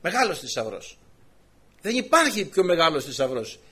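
A man's voice: on the high side, breathy edge. A man preaching a sermon, retelling scripture stories with voiced quotes and direct questions to the congregation. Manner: animated storytelling with voiced quotes.

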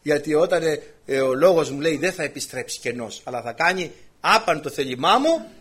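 This male preacher's fairly high voice is expressive, fairly bright and husky. Preaching with passion, he asks rhetorical questions and keeps referring to his listeners as brothers.

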